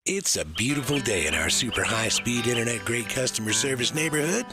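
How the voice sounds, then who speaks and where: A man's voice: medium pitch, animated, a little fast. A man reading a scripted commercial in a friendly, salesy delivery. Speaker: commercial announcer. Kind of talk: scripted ad read. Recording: voice-over on guitar music. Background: guitar music.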